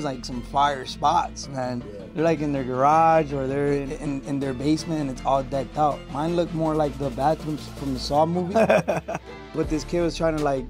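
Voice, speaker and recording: A young man from Connecticut talks casually as host of his own barber vlog. His voice sits a little high and stays relaxed, full of "like" and "bro". Music plays underneath. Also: normal speed. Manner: relaxed, says "bro" and "like" often. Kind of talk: casual vlog narration and chat.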